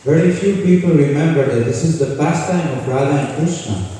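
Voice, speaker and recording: A Croatian man who leads kirtan and speaks on spiritual topics gives an informal, conversational talk, posing questions to a live audience in a large indoor hall. His voice is fairly high, a little fast and warm, sounding far from the mic in the echoey room.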